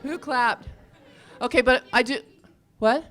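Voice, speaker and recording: A woman hosting a live event speaks from the stage in a high, fairly bright voice at a slow pace. She casually and playfully coaxes the audience, whose faint crowd noise can be heard.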